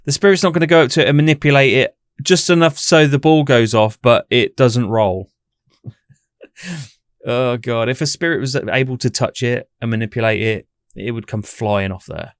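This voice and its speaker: A man's voice: medium pitch, moderate pace, clean tone, no echo, studio quality. A man hosting a paranormal debunking channel, explaining things in a skeptical, casual way. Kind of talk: casual commentary and testing.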